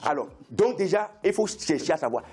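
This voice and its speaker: A man's voice: fairly high pitch, very animated, fairly quick, a little mellow, breathy edge. A man, arguing insistently as a political guest in a heated debate, repeating himself and stumbling over words. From Benin.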